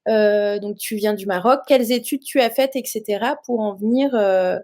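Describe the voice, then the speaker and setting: A woman's voice: mid-range voice, moderate pace, a little mellow. A woman hosting an interview, asking long, winding questions in a casual chat. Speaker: interview host.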